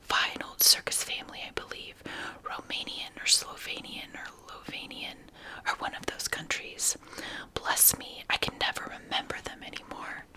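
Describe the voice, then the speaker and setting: A woman's voice: normal speed, pushed and bright. Woman whispering as a chatty older lady, whispered role-play. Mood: fond, chatty. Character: kindly, chatty, forgetful older lady neighbour.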